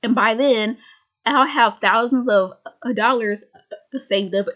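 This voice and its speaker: A woman's voice: fairly high pitch, slow, a bit bright. A woman of twenty-five ranting casually to camera, rambling and sardonic, with many restarts and stammers. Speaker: vlogger.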